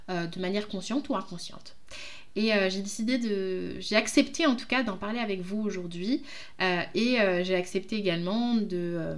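French woman doing a chatty solo podcast, slightly low voice, thoughtful, lots of pauses. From France. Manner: reflective, hesitant, many pauses. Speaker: podcast host, jurist. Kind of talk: casual podcast monologue.

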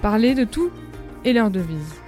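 A woman's voice: mid-range voice, expressive, normal speed, warm tone, soft background music. A woman hosting a podcast, narrating and interviewing with effusive enthusiasm. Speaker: podcast host.

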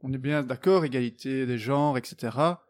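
A man's voice: mid-range voice, brisk, no echo. A man hosting a casual podcast, playful and hesitant, with frequent fillers. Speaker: podcast host.

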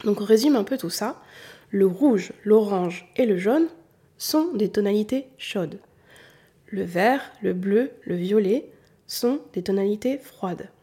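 In a slow, lively, chatty way, a woman from southern France gives an informal color analysis lesson, speaking directly to the listener. Her medium-pitched voice has a dark tone and a breathy edge.

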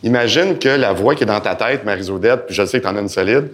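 A man with a Québécois French accent speaking as a guest on a live podcast in front of an audience, animated and joking, acting out the voices in his head. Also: on the low side, fast, slight background noise. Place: event hall with live audience.

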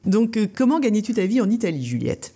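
A woman hosts a podcast interview and asks friendly questions. She often gives short acknowledgements to her guest. Her voice is warm and mellow, at a middle pitch. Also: very animated, fast, husky. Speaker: podcast host. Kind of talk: interview, partly scripted intro. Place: small shop, behind the till.

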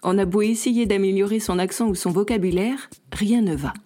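A woman's voice: medium pitch, fairly quick, dark tone, lightly acted. A woman reading a first-person story as a young French woman newly moved to Canada, earnest and lightly self-mocking.

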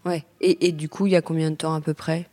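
Woman host asking quick, friendly questions. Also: deep voice, flat delivery, mellow. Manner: brief, friendly questions and frequent "ouais" backchannels. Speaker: podcast host. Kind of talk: podcast interview.

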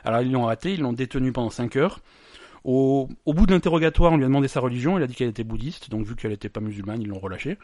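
A man's voice: mid-range voice, very fast, a little mellow, dry recording, studio quality. A man hosting a casual comic podcast, rambling through explanations with many restarts and fillers. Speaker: podcast host.

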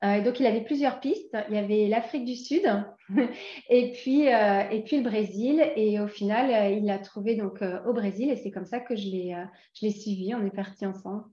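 A woman's voice: mid-range voice, normal speed, mellow. A woman in her forties from France, a guest in a casual interview, talking hesitantly with many fillers and restarts. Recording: roomy, dull lo-fi sound.

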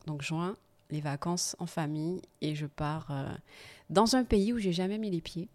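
A woman guest on a podcast, telling her life story in a casual, lively way and often laughing. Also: fairly low pitch, normal speed. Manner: lively, laughing, animated when telling anecdotes.

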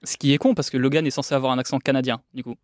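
A man on a film podcast chiming in with quick corrections about film lore. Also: medium pitch, steady tone, a little mellow, no room sound, clean studio sound. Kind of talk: casual film podcast chat.

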